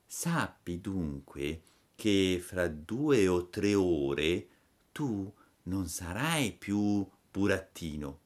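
A man voicing a wise, gentle female marmot who speaks slowly and softly. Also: big pitch swings, heavily acted. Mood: sorrowful. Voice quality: soft, slow and low.

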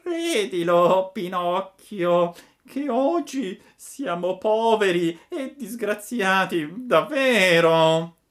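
A man voicing an old, ruined female fox who begs in a whining, drawn-out voice, in a storybook reading. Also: sits high, animated, a bit bright, pitched above the performer's own voice, exaggerated voice.

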